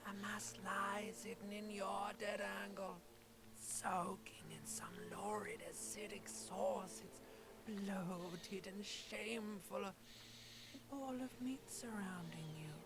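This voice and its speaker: An actress voicing a female limbic system in a game, in a slow, eerie, insinuating whisper, as whispered role-play. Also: medium pitch, fairly even intonation, music in the background. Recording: game audio with ambience.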